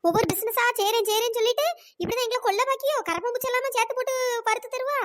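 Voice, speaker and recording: A woman doing shrill squeaky cartoon village women. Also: fairly even intonation, very fast, no echo, clean studio sound. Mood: quarrelsome. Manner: teasing, quarrelsome village banter. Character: group of scheming village women customers, cheeky and loud. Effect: pitched-up voice. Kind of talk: cartoon voice acting.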